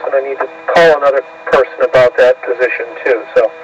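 A man making a halting announcement with frequent ums, heard over a static-filled two-way radio. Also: mid-range voice. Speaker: radio club official. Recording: distant muffled radio with static.

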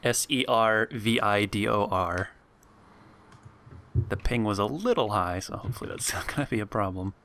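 A young man chatting casually while playing an online game, laughing often and filling pauses with um and uh. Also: lowish voice, a bit bright. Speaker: gameplay video host. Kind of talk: casual gaming commentary.

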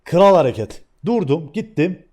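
A young man on a livestream, telling a story in casual chat with a slightly high voice. He swings between loud bursts and muttered asides and swears freely. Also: normal speed. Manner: animated, swearing, shifts between loud outbursts and quiet asides. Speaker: streamer.

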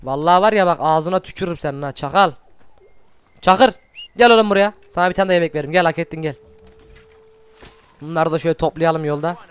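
A man hosting a let's play, commenting excitedly as he plays, swearing at enemies and coaxing his pet wolf along. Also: on the high side, fast talker, pauses often, clear, resonant tone. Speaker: gaming channel host.

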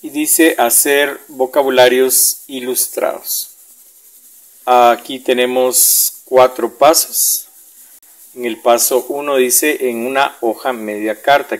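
Slow, methodical man teaching a lesson. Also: mid-range voice, rough recording. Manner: methodical, repeats words to model pronunciation. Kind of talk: classroom lesson explaining a worksheet.

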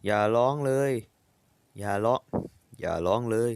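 A man voicing a gentle, doting, middle-aged father who speaks softly and politely in a manga comic voice-over dub. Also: fairly low pitch, unhurried, gravelly, no room sound. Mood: soothing. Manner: soft, soothing, polite.

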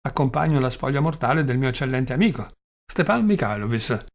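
A man's voice: medium pitch, very animated, a little fast. A man reading the part of a cheerful, teasing drunken man in an audiobook. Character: jolly drunken man mocking, Pavel Pavlovich.

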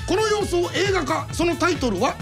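A man's voice: very high-pitched, expressive, fairly quick. A man hosting a comedy variety show in a studio, narrating each prompt and calling on contestants. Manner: announces prompts and calls on contestants. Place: studio set, indoors. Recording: music loud behind the voice.

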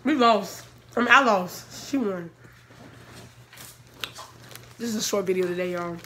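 A young woman vlogger talks casually to her viewers in a medium-pitched voice. It is recorded on a camera in a small room, with faint noise behind her. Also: unhurried, sharp tone. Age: young adult. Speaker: vlogger, channel host. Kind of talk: casual vlog chat. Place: small office-like room, indoors.

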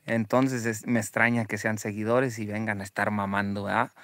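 A man with a Mexican Spanish accent hosting a livestream. He is profane and taunting, shouting jeers at someone and then dropping to low asides for his viewers. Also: level tone, normal speed, slight background noise. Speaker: livestream host. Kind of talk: livestream vlog.

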